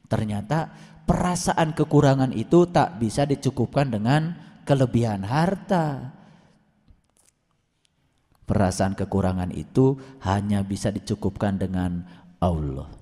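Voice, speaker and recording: Male preacher, slow and lively, soaring pitch on key points, long echo of a hall. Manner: animated, rising to high emphatic peaks, chants verses slowly. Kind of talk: sermon.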